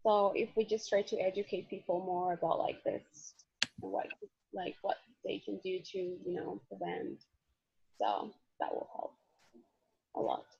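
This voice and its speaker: Young woman, bit of vocal fry, kinda hesitant, dull lo-fi call sound. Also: lowish voice, very animated, measured pace, slight background noise. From El Salvador. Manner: hesitant, searching for words. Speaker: student. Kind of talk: casual group discussion. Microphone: video call. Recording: dull lo-fi video call audio.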